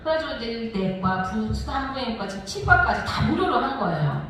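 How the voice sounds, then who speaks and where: Woman missionary, forties, testimony sermon, animated storytelling, higher voice, reverberant hall, far from the mic. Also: moderate pace. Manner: lively storytelling, laughing often. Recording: echoey hall, voice from afar.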